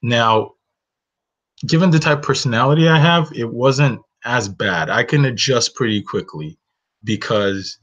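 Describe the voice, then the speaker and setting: Medium in pitch, unhurried, and fairly bright, this man's voice belongs to a webinar host in his thirties who grew up in Northern Nigeria and speaks Hausa as his first language. Alone in a small bedroom, he earnestly reflects on his life, peppering it with "you know." His close webcam yields dull, lo-fi audio.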